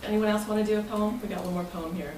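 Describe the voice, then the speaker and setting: Speaking quickly in a steady, darkish, mid-range voice, an American club president hosts a meeting, joking around and chuckling as she talks informally, reading part of it from prepared text. The indoor meeting room is echoey and noisy, and the mic is distant.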